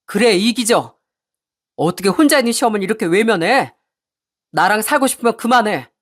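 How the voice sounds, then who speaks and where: A woman's voice: medium pitch, lively intonation, brisk, natural voice. A woman voicing a self-pitying young husband who whines, blames his wife and begs, in a radio story. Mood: whiny, indignant. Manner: whining, blaming, later pleading.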